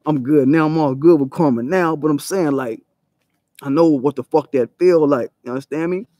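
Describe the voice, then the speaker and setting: A man's voice: fairly high pitch, normal speed, mellow, no echo, studio quality. A man hosting his own channel, giving a profane, emphatic commentary monologue full of rhetorical questions. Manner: mocks others in quoted voices. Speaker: channel host.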